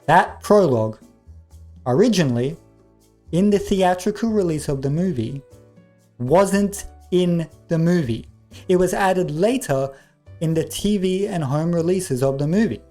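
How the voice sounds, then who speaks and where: A man's voice: a little high, animated, a little slow, warm tone, faint music behind. A man giving comedic review commentary, sarcastic and exasperated, swearing often. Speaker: movie reviewer.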